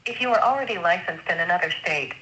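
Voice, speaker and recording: A woman's voice: on the low side, fast talker. A woman's voice as an automated phone assistant, speaking formally and evenly over a phone line. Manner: even, formal, scripted delivery. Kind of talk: automated call menu and answers. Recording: dull phone line with faint hiss.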